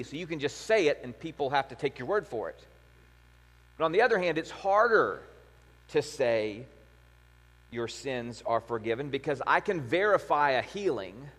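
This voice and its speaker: A man with a slightly raised voice delivers a sermon, retelling a story with rhetorical questions. His voice rings out with a long hall reverb behind it. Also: a little high. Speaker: pastor.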